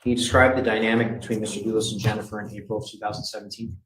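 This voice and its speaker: A man, a prosecutor, questioning a witness in formal, measured tones, heard in a courtroom recording. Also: on the low side, flat delivery. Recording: echoey courtroom with faint noise.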